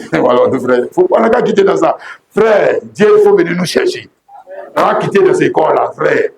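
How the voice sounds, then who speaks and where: A man preaching a sermon as pastor, emphatic and repetitive, often breaking into shouts. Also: a little high, lively intonation, normal speed, creaky. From Côte d'Ivoire. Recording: echoey room.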